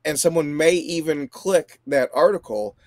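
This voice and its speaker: A man in his forties, a guest, talking in an animated, emphatic way. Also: on the high side, moderate pace, no echo. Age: 40s. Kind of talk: casual chat.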